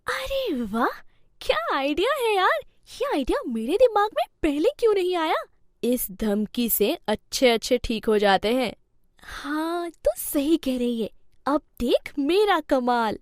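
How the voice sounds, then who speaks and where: A woman doing a high, snappish young wife. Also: a little slow, dry recording, studio quality. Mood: complaining. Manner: whiny and snappish, lively pitch. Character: spoiled, defiant young Indian wife. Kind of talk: cartoon storybook voice acting.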